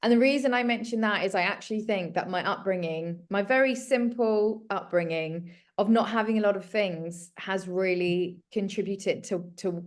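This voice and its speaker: Here a woman in her thirties from South Africa chats as a guest, earnest and casual, about her home organising work and her story. Her mid-range voice moves at a moderate pace with few pauses.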